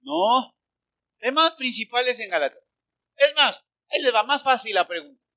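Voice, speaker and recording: Bright, high-voiced Mexican pastor preaching. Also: male voice, moderate pace. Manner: animated preaching with rhetorical questions to the congregation. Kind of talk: sermon.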